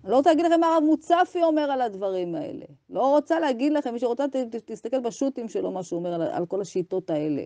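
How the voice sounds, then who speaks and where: A woman's voice: on the high side, expressive, hardly any pauses, mellow, no room sound. A woman teacher giving an impassioned Torah ethics lesson to women, arguing with rhetorical questions and acting out imagined dialogues.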